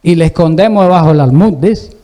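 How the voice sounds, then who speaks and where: A man's voice: a little high, brisk, dark tone. A man preaching a sermon, exhorting the congregation and asking it rhetorical questions.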